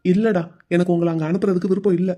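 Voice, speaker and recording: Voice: mid-range voice, little pitch movement, very fast, mellow, close to an everyday voice. A voice actor playing a curt, protective young husband in a cartoon story, speaking firmly. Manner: firm, curt.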